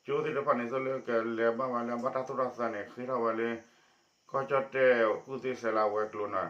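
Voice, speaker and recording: A man presenting a news report with a steady spoken delivery. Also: medium pitch, quick pace. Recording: echoey dull lo-fi recording.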